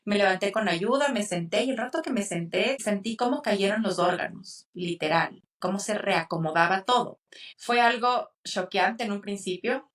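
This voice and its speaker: Young female podcast co-host, emotional storyteller, mid pitch, slightly distant mic. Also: normal speed. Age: young adult. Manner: tearful, animated retelling with acted quotes.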